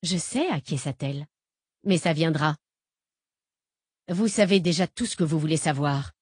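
A woman reading the part of a fugitive woman FBI agent, calm, patient and quietly menacing. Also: low-pitched, normal speed, husky, dry recording, studio quality. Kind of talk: audiobook character reading.

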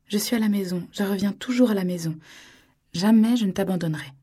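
A woman's voice: medium pitch, a little fast, warm tone, husky, lightly acted. A woman reading an audiobook, voicing a tired father who speaks firmly to his daughter. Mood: tender. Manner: firm and stern. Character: tired, strained young father.

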